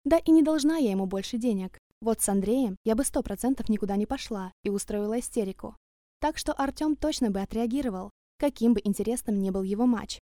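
A woman narrating a first-person story in an even, reflective way. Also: on the high side, fairly quick, no room sound, studio quality.

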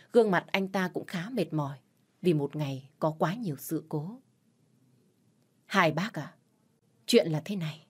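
A woman narrating an audio story in a steady, measured way. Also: sits low.

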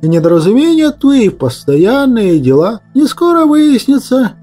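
A man's voice: very high-pitched, sing-song, measured pace, mellow, faint music behind, voice pushed up, exaggerated voice. Man doing a sly riddling old man. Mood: knowing. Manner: drawling riddling talk. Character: sly cryptic old man, calm and knowing.

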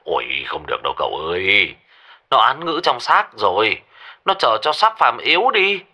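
A man voicing a hurried village monk with an urgent, rushed delivery. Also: low voice, sing-song, pushed and bright, heavily acted. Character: hurried middle-aged male village monk.

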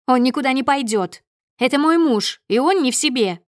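A woman's voice: high voice, lively intonation, moderate pace, no room sound, voice pushed up. A woman voicing a furious young pregnant wife who shrieks and hisses threats, in a dry audiobook recording. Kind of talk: audiobook character voice.

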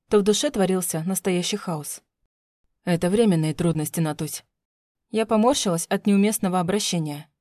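A woman narrating a first-person audiobook in a calm, even storytelling voice. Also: medium pitch, dry recording, studio quality.

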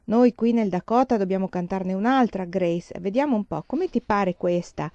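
A woman's voice: medium pitch, normal speed, mellow, no echo, muffled recording, natural voice. A woman reading the part of a cheerful, joking pioneer father in an audiobook, in her own voice. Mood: playful.

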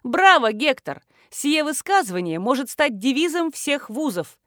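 A woman's voice: high-pitched, sing-song, measured pace, a bit bright, no echo, studio quality, pitched above the performer's own voice, heavily acted. A woman reading the lines of a courteous, pedantic male professor who speaks delicately and in a bookish way. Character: polite pedantic male professor, the narrator's husband.

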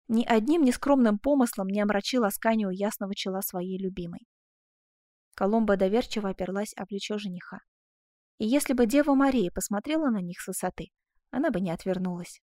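A woman narrating a classic novel in a measured, expressive way. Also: mid-range voice, no room sound, clean studio sound. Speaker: audiobook narrator.

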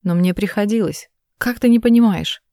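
Lady reading a crying mom begging to be believed, lowish voice, dry sound. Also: moderate pace, a little mellow, no room sound, close to an everyday voice. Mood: tearful pleading. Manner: pleading, urgent. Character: tearful desperate older mother, pleading.

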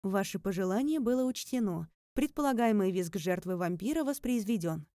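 A woman voicing a talking magical phone artifact that answers in a flat, formal and unfeeling way. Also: mid-range voice, normal speed, dry recording, studio quality, natural voice. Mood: deadpan.

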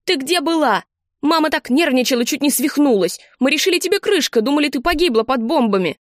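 A woman reading an audiobook and voicing a teenage brother who shouts and scolds in agitation. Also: high voice, expressive, a little fast, no room sound, clean studio sound, voice pushed up. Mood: agitated. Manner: loud, scolding.

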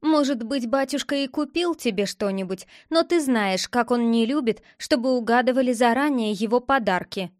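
A woman's voice: fairly high pitch, normal speed, hardly any pauses, dry recording, studio quality, natural voice. A woman voicing a young girl who coyly keeps a secret from her brother and teases him. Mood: teasing. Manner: teasing, coy, lightly scolding.

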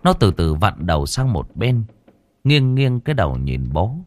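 A man reading a horror story aloud in a slow, suspenseful, dramatic way, close to the mic. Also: on the low side, big pitch swings, a little hiss or hum. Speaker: audiobook narrator. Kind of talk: scripted horror story narration.

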